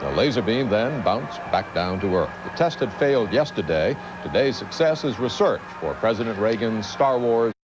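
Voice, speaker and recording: A man's voice: lowish voice, sing-song, moderate pace, few pauses. A man reading scripted news as a television anchor. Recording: dull archival TV audio, music behind.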